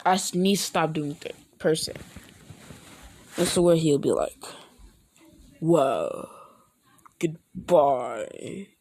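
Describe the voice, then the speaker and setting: A woman's voice: deep voice, fairly even intonation, moderate pace, pauses often, a little mellow. A woman casually telling an improvised fan story, rambling, hesitant and correcting herself often.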